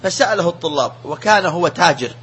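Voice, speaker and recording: Male sheikh, emphatic religious lesson, bright tense voice. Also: a little high, fast talker, husky. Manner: emphatic, animated preaching.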